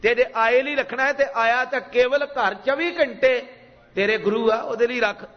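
A man with a Punjabi accent preaches in a strikingly high voice, chanting scripture and urging the congregation to repeat lines back to him. His voice carries a long reverb from a large hall. The recording sounds muffled and lo-fi. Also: normal speed. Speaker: Sikh preacher giving katha. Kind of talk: sermon with sung scripture.

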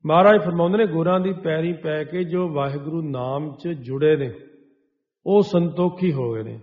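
A man preaching to a congregation, slowly chanting scripture lines and then explaining them in plain talk. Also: on the high side. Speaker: Sikh preacher. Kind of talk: scripture exposition sermon. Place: large hall before a congregation. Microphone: stage microphone. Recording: dull sound with long hall reverb.

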